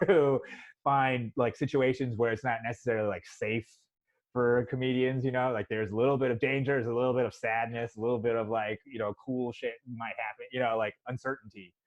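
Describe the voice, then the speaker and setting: A man's voice: medium pitch, steady tone, brisk. A man hosting a podcast, chatting in a rambling, profane way with lots of "you know". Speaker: podcast host. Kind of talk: casual podcast chat. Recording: slightly dull sound.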